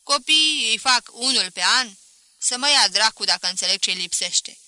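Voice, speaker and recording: A woman reading aloud voices a middle-aged male shopkeeper who complains loudly and repeats himself in self-pity. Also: a little high, expressive, dry recording. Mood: complaining.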